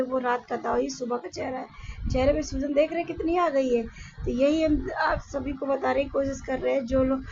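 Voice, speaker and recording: A woman's voice: high voice, vocal fry, dull audio. A woman with a Lucknow Hindi accent, talking casually to her viewers in a rambling, repetitive way while weak and in pain. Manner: rambling, repeats herself, tired and weak. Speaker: vlogger. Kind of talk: casual vlog talk to viewers.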